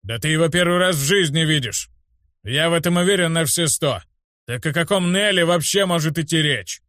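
A gruff, irritable grown man who brushes off every doubt, as a male narrator puts him on. His talk is brusque and impatient. The read sounds close and dry. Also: fairly high pitch, lively intonation, normal speed, fairly bright tone, dry recording, voice pushed up.

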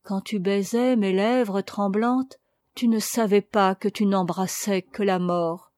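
A woman's voice: medium pitch, steady tone, takes it slowly, a little mellow, no echo, clean studio sound, close to an everyday voice. A woman reading the part of a passionate, despairing young woman in an audiobook, with an impassioned, pleading delivery. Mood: confessing.

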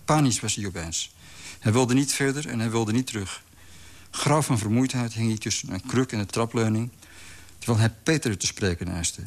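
A man reading a literary story aloud in a calm, measured way. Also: lowish voice. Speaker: narrator. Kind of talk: scripted literary narration.

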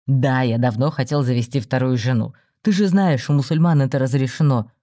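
A man's voice: medium pitch, warm tone, close to an everyday voice. A man voicing a smug self-assured husband. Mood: placating. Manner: slow, soothing, self-justifying. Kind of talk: audiobook story reading.

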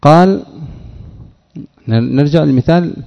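A man teaching a classroom lesson, putting questions to his students and drilling word patterns slowly. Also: on the high side, vocal fry, mellow. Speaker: teacher of Arabic morphology. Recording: dull audio with long hall reverb.

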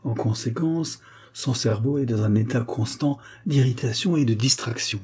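Storybook role: smug elderly blind healer, lecturing, husky and dark as a male reader does him. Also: mid-range voice, moderate pace, close to an everyday voice. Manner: self-assured, lecturing. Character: pompous old blind village doctor.

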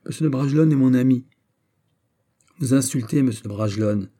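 A man's voice: medium pitch, fairly quick, mellow, lightly acted. A man voicing a haughty English duke who speaks with cool, defiant arrogance.

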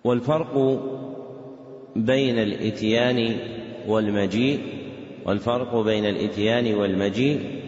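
A man teaching an Islamic text, dictating slowly and repeating each phrase, chanting the verses he quotes. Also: on the low side, steady tone, a little mellow. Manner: measured, repeats phrases for note-taking, chants Quran verses. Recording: echoey lo-fi hall recording.

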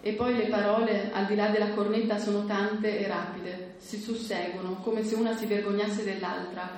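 A woman reading a literary excerpt aloud at a book presentation in a measured, steady way. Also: medium pitch. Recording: very echoey room, faint background noise.

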